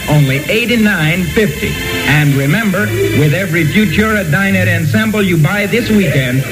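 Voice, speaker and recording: An earnest local TV pitchman, with a high voice. He announces in scripted commercial style for a comedy parody, over loud music with some hiss. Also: rough recording.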